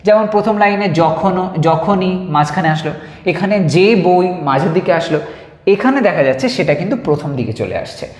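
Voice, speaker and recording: Patient teacher in an echoey room. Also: male voice, sits high, lively intonation, a little mellow. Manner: patient, repeats examples slowly. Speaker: English teacher. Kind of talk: explaining grammar lesson. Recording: echoey room with long reverb.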